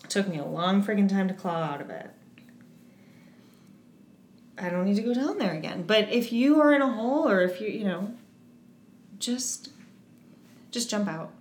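A woman's voice: medium pitch, expressive, moderate pace, pauses often, reverberant, a little hiss or hum. A woman speaking as an interview guest, earnest and encouraging, often restarting her sentences as she talks about her advocacy work. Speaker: guest, eating disorder advocate. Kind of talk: casual interview conversation.

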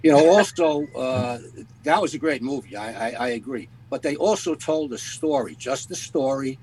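Husky man telling a story. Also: mid-range voice, darkish tone, poor audio. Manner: halting, restarts phrases while telling a story. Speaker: podcast host. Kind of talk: conversational storytelling.

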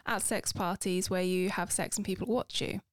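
Woman cohosting, calmly explains stuff, dry close mic. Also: mid-range voice, moderate pace, no room sound. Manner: matter-of-fact, explaining, laughs easily. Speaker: podcast co-host. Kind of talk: casual chat.

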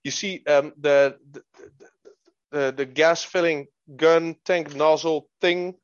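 Podcast co-host, man, fairly high voice, halting, lots of restarts. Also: fairly even intonation, clear, resonant tone, dry recording. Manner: hesitant, many repeated words and restarts. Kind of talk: casual crypto podcast chat, reading a news article aloud. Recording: dull lo-fi sound.

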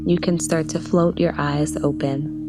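A woman leading a guided body-relaxation meditation, speaking in soft, soothing instructions with long pauses. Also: low-pitched, level tone, over loud music.

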